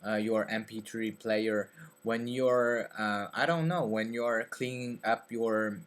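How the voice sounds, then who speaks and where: A young Belgian man whose first language is French talks to his desk webcam in a dim bedroom about learning languages. His voice is fairly low and fairly even, and he goes slowly, hesitating with many fillers and restarts while gesturing with his hands.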